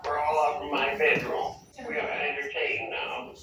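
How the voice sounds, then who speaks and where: A woman's voice: deep voice, completely flat delivery, normal speed, over music. A woman heard on an old 1940s home recording, chatting and introducing the friends gathered with her in a bedroom. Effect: old 1940s home disc recording played back. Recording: echoey, distant old home recording with people around.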